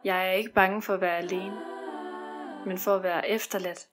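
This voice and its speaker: A woman reciting a poem in an intimate, brooding voice that rises to anguished shouts. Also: mid-range voice, steady tone. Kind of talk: spoken word poetry over music. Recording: spoken over a music track.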